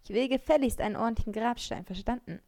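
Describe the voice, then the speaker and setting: A woman's voice: a little high, fast, mellow, no room sound, clean studio sound, natural voice. Whiny talking sandwich, as a woman puts it on. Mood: demanding.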